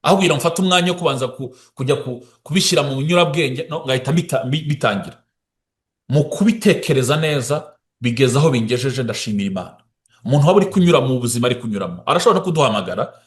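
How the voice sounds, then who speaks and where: A man who speaks and interprets, talking fast and often stopping to restart his words. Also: medium pitch, animated.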